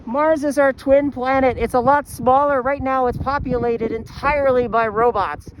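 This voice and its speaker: A woman's voice: high-pitched, fairly even intonation, normal speed, low-quality recording. Breathless woman teaching astronomy outdoors. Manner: enthusiastic, explanatory. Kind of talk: outdoor walking science lesson. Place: outdoors on a campus. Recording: wind noise outdoors.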